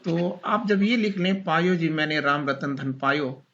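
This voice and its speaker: Male teacher dictating a lesson slowly, repeats himself a lot, slightly high voice, muffled lo-fi sound. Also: fairly bright tone. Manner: slow, repetitive dictation with questions to students. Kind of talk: classroom lecture.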